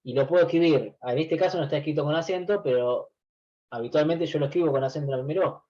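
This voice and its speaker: A man lectures a university class over a video call. He explains patiently, doubling back on phrases and filling pauses with "eh". His voice sits a little high, and the sound is dull and lo-fi. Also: a little mellow. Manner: explains patiently, many restarts and filler "eh". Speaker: university database teacher.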